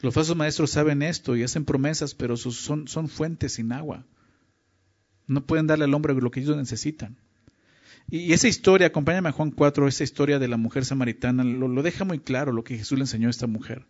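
A male pastor with a medium-pitched voice delivers a brisk teaching sermon, frequently checking in with his listeners through short questions. The recording sounds dull and lo-fi.

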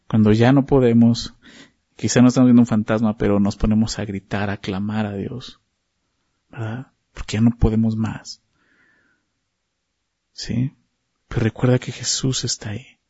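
A man with a gravelly, husky voice teaches a Bible passage in a conversational sermon, often stopping to ask rhetorical questions. His tone sits dark and mellow, and he repeats words and restarts his phrases. The recording is dull, dry and slightly muffled. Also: mid-range voice, dry recording. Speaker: preacher.

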